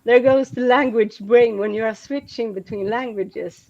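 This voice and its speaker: Here a Swedish woman, appearing as a guest, makes casual conversation in her second language, English, full of false starts and filler words. Her voice is slightly high and a little mellow, her speed normal, and the sound muffled.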